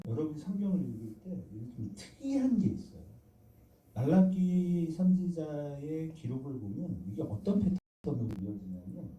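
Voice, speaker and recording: A man's voice: on the high side, dark tone. A man, the senior pastor, preaching a sermon in a church and drawing the congregation into responses and shared reading aloud. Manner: interactive, prompts the congregation to respond and read aloud together. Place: church sanctuary. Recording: echoey church hall, voice from far off the mic.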